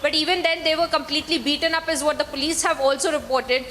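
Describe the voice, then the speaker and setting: This Indian-accented newswoman delivers her live report fast, stringing together wordy, run-on sentences in a steady tone. The voice is high and bright, and the connection echoes with a bit of noise behind her.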